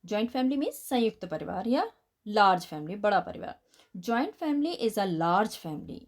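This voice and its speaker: Lively Indian woman teacher spelling words aloud. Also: medium pitch, moderate pace. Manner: addresses children affectionately as 'beta'. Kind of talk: bilingual classroom lesson explaining answers.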